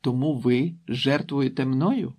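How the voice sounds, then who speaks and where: A man's voice: mid-range voice, takes it slowly, mellow. A man voicing a shaken, subdued aircraft designer. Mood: dismayed.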